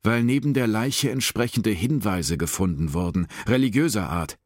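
A man voicing a calm, shaven-headed male officer in an audiobook, measured and placating. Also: fairly low pitch, no echo, clean studio sound, voice pushed up.

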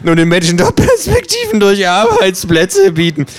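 Mann spielt ein schrilles, zynisches Känguru. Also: male voice, wildly swooping pitch, moderate pace, crowd noise. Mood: ranting. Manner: sarcastic, provocative, shrill high voice. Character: brash, cynical male kangaroo.

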